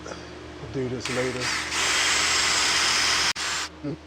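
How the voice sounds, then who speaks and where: A man's voice: medium pitch, flat delivery, drawn-out words. A man casually narrating his hands-on work in a vlog, muttering to himself in an offhand way and swearing now and then. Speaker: DIY vlogger. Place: inside a food truck. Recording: clear vehicle and fan noise.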